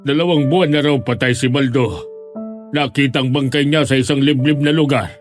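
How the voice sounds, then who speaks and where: A man voicing a concerned middle-aged father in a horror audio drama, speaking in a steady, worried tone. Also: medium pitch, normal speed, over music, lightly acted.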